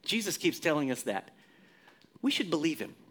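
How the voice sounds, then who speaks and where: Animated, high-voiced male preacher. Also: normal speed. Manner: expressive, drops to a low hush for emphasis; leads the congregation in responses. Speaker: pastor. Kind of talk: sermon.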